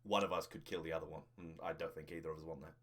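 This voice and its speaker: A man's voice: rumbling low, steady tone, very fast, fairly bright tone. A man taking part as a player in a tabletop role-playing game, describing his character's actions in first person.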